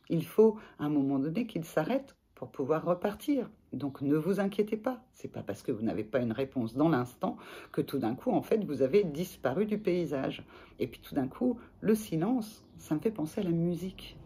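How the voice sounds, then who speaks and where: A woman coach giving gentle, hesitant advice to camera, with many pauses and fillers. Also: low voice, slight background noise. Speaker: sophrologist and life coach. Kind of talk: casual advice talk to camera.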